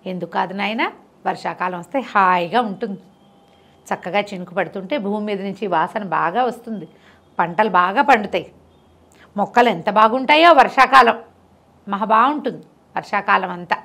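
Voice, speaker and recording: A woman voicing a gentle, meek old village grandmother who speaks softly and fondly in a storybook tale. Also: medium pitch, normal speed, gravelly, pauses often, pitched below the performer's own voice. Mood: fond, soothing. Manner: soft, affectionate and praising.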